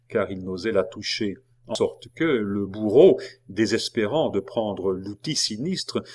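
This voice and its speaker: A man narrating a novel as an audiobook in a measured, dramatic reading with occasional hesitations. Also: lowish voice.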